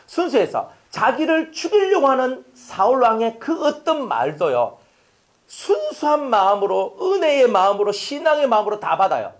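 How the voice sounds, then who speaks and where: A man preaching a sermon, asking the congregation rhetorical questions and swinging from loud to hushed. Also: very high voice, very animated, moderate pace. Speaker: pastor. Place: church sanctuary.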